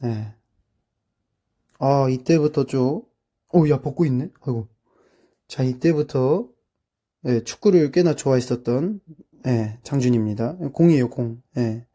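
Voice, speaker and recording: A young man from South Korea chatting casually through his childhood photos, with lots of drawn-out filler words and amused asides. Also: medium pitch, warm tone. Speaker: streamer.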